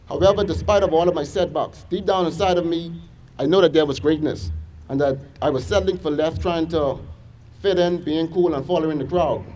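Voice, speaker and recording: A man's voice: fairly high pitch, dark tone, a little hiss or hum, poor audio. Earnest young Bahamian man giving a speech. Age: young adult. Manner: earnest, measured, list-like delivery with small restarts. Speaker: business owner giving a school speech. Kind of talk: motivational speech to students. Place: school assembly hall.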